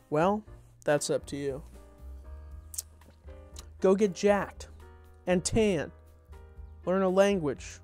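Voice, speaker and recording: Reading through his own comedy script informally, a young adult man who creates content drops in dry, spontaneous asides; his voice is a little high with a darkish tone.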